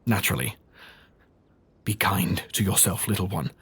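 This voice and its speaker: An actor playing Doctor Watson, a loyal, gentle and earnest doctor, in an audio drama. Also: male voice, sits low, lively intonation, moderate pace, a little hiss or hum. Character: Doctor Watson, kindly, loyal, wounded male friend and writer.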